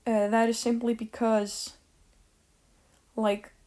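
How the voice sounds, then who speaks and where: A woman's voice: a little high, level tone, slow, mellow. A teenage girl from Iceland ranting casually to the camera, rambling with lots of fillers and a sarcastic edge. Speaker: vlogger.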